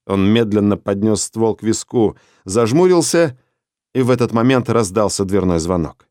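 A man reading a dark story aloud in a steady, measured way. His voice sits in the middle range for a man. The recording is dry and close, with no room sound. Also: mid-range voice, no echo. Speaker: narrator. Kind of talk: audiobook story narration.

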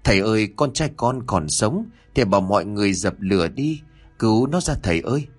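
A man's voice: lowish voice, animated, fairly quick, faint music behind. A man voicing a frantic old father who cries out and pleads in grief over his son. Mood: wailing. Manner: wailing, desperate cries.

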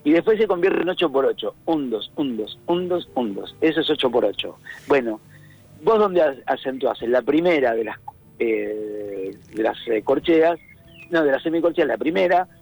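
A man's voice: medium pitch, expressive, moderate pace, creaky, a little mellow, husky, rough recording. A middle-aged man with a Rioplatense Spanish accent, a radio columnist talking casually, thoughtful and searching for words, now and then humming rhythms. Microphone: phone line. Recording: radio broadcast, faint music.

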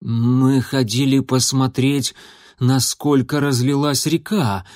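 A man's voice: medium pitch, fairly even intonation, slow, a little mellow, no room sound, clean studio sound, lightly acted. A man voicing a loyal, earnest young male warrior cat in a storybook reading, a little defensive. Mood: mumbling.

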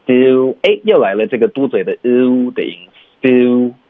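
A man teaching English pronunciation in Chinese, mixing in English and slowly repeating phrases sound by sound. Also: medium pitch, big pitch swings, no echo, phone-quality sound. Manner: breaks sentences into sounds and repeats them slowly.

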